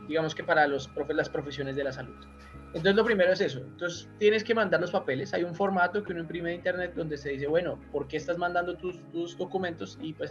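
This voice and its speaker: Colombian guy doctor rambling on, kinda high voice, bit muffled w faint music under. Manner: rambling, many restarts and asides. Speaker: guest doctor. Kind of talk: casual interview talk. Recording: slightly dull audio with faint music.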